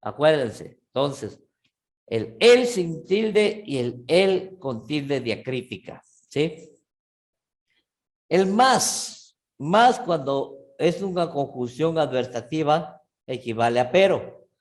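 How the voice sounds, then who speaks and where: A man teaching a grammar lesson at an unhurried, deliberate pace, stretching out his words. His voice sits a little high for a man. He keeps pausing to ask whether the class is following and often stops to correct himself. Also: big pitch swings. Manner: patient, checks in with frequent "¿sí?"; restarts and self-corrects often. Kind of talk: online language class.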